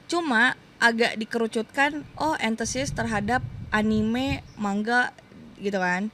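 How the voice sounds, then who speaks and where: A woman's voice: a little high, unhurried, a bit bright, slight background noise. A woman in her thirties, a podcast guest, chatting casually and acting out the voices of people in her stories, laughing often.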